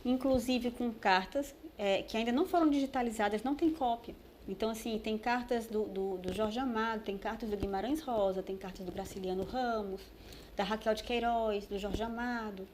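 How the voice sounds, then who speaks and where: A middle-aged woman, a writer and guest, telling stories in a relaxed interview with many restarts. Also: a little high, normal speed, slight background noise. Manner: warm storytelling with many restarts. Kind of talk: casual interview chat. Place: TV studio.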